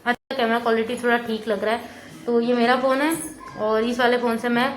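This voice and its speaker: A young woman vlogging casually on a phone she holds, feeling unwell and low on energy, talking softly with a rambling flow and many fillers. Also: little pitch movement, a little fast, very echoey, slight background noise, rough recording. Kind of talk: casual vlog chat. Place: room upstairs at home. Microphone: phone held in hand.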